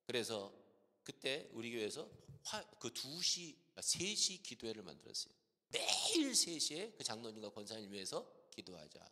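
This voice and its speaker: A middle-aged man preaches a storytelling sermon in a church sanctuary. His voice is bright and ringing, and his pitch swings widely as he acts out his stories. A long hall reverb trails after every phrase. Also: wildly swooping pitch, normal speed. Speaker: guest pastor preaching.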